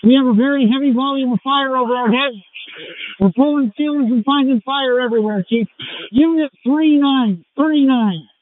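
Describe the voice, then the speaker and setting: A man's voice: extremely high pitch, normal speed. A man, a firefighter, giving urgent radio reports from a fire scene over a two-way radio. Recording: tinny noisy two-way radio, clicks.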